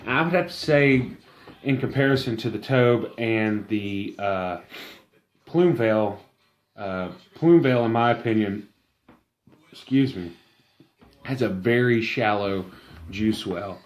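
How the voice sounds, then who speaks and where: A man giving a casual, rambling product review, enthusiastic but halting and full of fillers. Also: on the low side.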